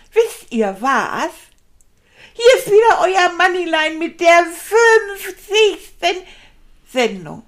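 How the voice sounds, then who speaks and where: Eine Frau spricht eine plappernde, angeberische männliche Stoffratte, ein Erstklässler, die aufgeregt und mit großen Sprüngen in Tonhöhe und Lautstärke erzählt. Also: female voice, exaggerated voice. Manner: excitable, chatty, big swings in pitch and loudness. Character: chatty boastful male stuffed toy rat, first-grader. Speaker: puppet show host. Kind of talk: children's puppet show.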